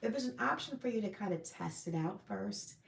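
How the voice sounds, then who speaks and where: Chatty woman with a gravelly voice. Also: mid-range voice, animated, a little fast, roomy sound. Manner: chatty, rambling, friendly with viewers. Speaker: livestream host. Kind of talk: casual live chat answering viewers.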